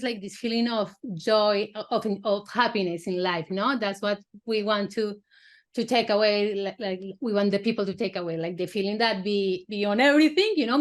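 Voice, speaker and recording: A Colombian woman filmmaker, a native Spanish speaker, answers interview questions as a guest in casual, halting English full of fillers and restarts. Her voice is mid-range.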